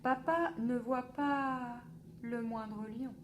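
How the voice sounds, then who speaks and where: A woman reading a children's picture book aloud for a library, slow and expressive. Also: fairly high pitch, slight background noise. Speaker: library storyteller.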